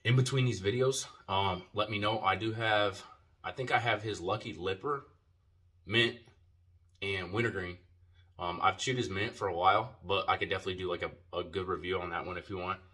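A man's voice: low-pitched, fairly even intonation, fairly quick, pushed and bright. A man giving a casual, slangy, profane product review while talking with a lip full of dip. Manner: laid-back, slangy and profane. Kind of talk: casual video review chat.

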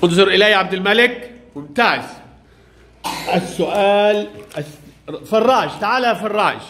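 A man's voice: sits high, expressive, moderate pace, a bit bright, a little hiss or hum. A male primary school teacher, giving a classroom reading lesson and prompting and praising pupils in short commands.

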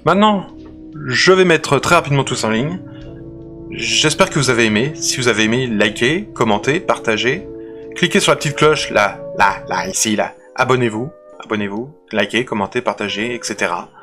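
A man's voice: mid-range voice, animated, normal speed, music in the background. A man hosting a casual unboxing video, chatty and playful, often restarting his sentences. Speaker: unboxing channel host.

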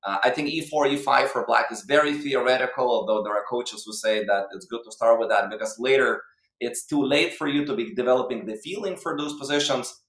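Over a video call, a Lithuanian man in his thirties, possibly from the wider former Soviet region, explains things in interview answers as a guest coach. His mid-range voice moves a little fast with a slightly bright edge. The audio is poor, with echo from the plain indoor room and the mic at webcam distance.

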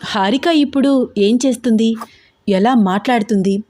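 A woman narrating a dramatic romance story aloud, deliberate and expressive, close to the mic. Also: on the high side, no echo.

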